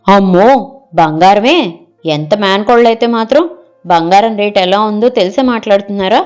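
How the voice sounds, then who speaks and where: A woman's voice: mid-range voice, moderate pace, darkish tone, clean tone, faint music behind, natural voice. A woman reading the part of a picky middle-aged wife in an audio story, scolding and rejecting every suggestion.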